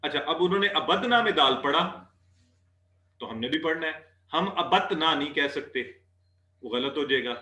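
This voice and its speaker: A man's voice: on the high side, lively intonation, sharp tone. Patient male Arabic teacher, echoey room. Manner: patient, repeats words slowly for drilling. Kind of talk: online class lesson.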